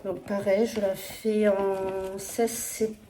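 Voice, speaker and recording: A woman with an accent talks slowly through a relaxed stitching update, hesitant and apologetic and full of little fillers. Her voice sits at a middle pitch. A faint hiss runs under the recording. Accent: non-standard accent in French. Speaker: cross-stitch vlogger. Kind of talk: casual flosstube progress update.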